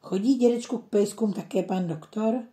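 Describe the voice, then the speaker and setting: A woman's voice: mid-range voice, warm tone, natural voice. A woman doing a curious little boy. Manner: eager questioning.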